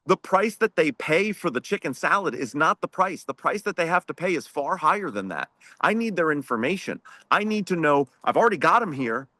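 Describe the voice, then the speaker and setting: A man's voice: a little high, big pitch swings, brisk, sharp tone, no echo. Emphatic man on a webinar panel. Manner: emphatic, preachy, rhetorical questions. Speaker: franchise owner panelist. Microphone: video call.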